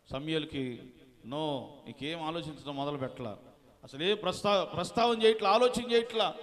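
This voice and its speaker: A pastor in full sermon mode, urging his congregation to shout back and slipping in English words. His voice sits high for a man. It rings out with a long reverb tail from the church hall. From India. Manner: preaching, calling on the congregation to respond.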